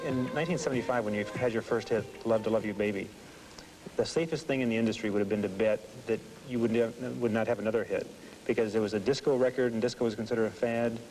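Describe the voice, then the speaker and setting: A man interviewing someone informally, halting and rephrasing his questions as he goes. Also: lowish voice, steady tone, a little mellow, soft background music, poor audio.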